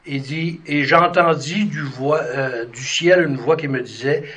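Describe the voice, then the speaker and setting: A man gives a Bible lesson in a relaxed, unscripted way. His voice sits a little high for a man. He pauses on fillers and restarts now and then while he explains the passage. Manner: conversational, with many fillers and restarts, reads scripture aloud. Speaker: preacher teaching a Bible study. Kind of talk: sermon-style Bible teaching.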